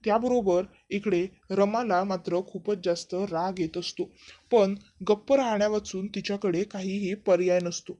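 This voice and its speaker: A woman narrating a TV serial episode in a quick, running retelling, one event after the next. Her voice sits mid-range with steady energy. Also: medium pitch, lo-fi sound.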